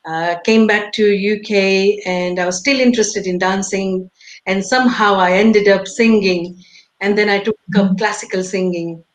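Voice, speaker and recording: A woman's voice: medium pitch, steady tone, moderate pace, roomy sound. A middle-aged woman from Tanzania, a singer being interviewed over a video call, talking with many hesitant fillers. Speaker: singer and guest. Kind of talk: interview talk.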